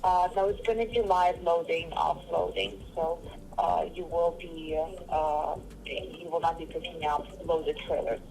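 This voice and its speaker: A woman's voice: low-pitched, fairly even intonation, a little slow, darkish tone, slight background noise. A woman recruiter heard over a phone call, answering questions patiently with many hesitant fillers. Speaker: trucking company recruiter.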